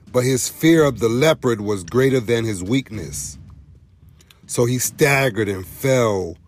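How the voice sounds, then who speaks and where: Slow, expressive male storyteller. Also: medium pitch. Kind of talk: storybook narration.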